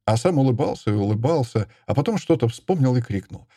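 A man narrating an audiobook in a measured, expressive storytelling manner on a close mic. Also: medium pitch, dry recording.

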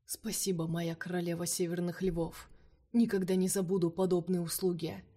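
A woman's voice: lowish voice, little pitch movement, normal speed, close to an everyday voice. A woman doing a velvety vampire king. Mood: seductive. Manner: soft, velvety, coaxing. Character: cunning, seductive captive vampire king, male.

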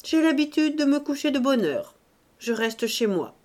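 A woman's voice: fairly high pitch, expressive, measured pace, darkish tone. A woman reading the part of a blunt, grumbling, suspicious middle-aged husband in an audiobook.

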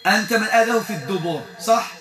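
A man's voice: high voice, fast talker, pushed and bright, roomy sound, recorded from a distance. A man with a Moroccan Arabic accent leading a Quran healing session. He coaxes and questions, repeating short questions and prayers. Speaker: Quran healer.

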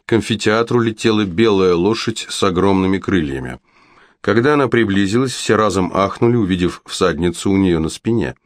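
A man reads a story aloud in a very low voice, with steady, even pacing. The recording is dry and close, with no room sound. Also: fairly quick, no echo. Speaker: audiobook narrator. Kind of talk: scripted narration.

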